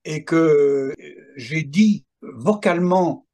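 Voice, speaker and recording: A man's voice: a little high, extremely slow, dark tone. A man in his seventies gives a personal testimony in an interview, telling it emphatically with little asides. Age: 70s. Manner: emphatic storyteller, adds asides like "hein, attention". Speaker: interviewee recounting paranormal experiences.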